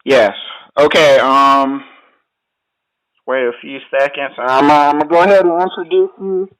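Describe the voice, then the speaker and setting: Man, casual interviewer, forceful bright tone, muffled underwater-like distorted call audio. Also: on the high side, fairly even intonation, normal speed. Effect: muffled, underwater-like distorted sound. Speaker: podcast host. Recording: fuzzy, overloud, underwater-sounding call audio.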